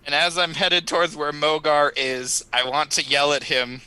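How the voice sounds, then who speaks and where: A man's voice: a little high, flat delivery, moderate pace, sharp tone, clean tone, no room sound, low-quality recording. A man chatting casually and jokingly as a player in a tabletop game.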